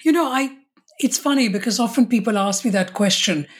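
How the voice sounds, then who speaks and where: A woman's voice: fairly high pitch, brisk, husky. A woman, a podcast guest in a conversational interview, speaking reflectively with restarts and self-corrections. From India.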